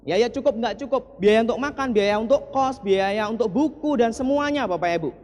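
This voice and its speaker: A man's voice: extremely high pitch, moderate pace, darkish tone. A man in his forties from East Java, telling a personal story to an audience in an earnest way, often turning to the audience with short asides. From East Java, Indonesia. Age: 40s. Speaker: motivational speaker. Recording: long hall reverb.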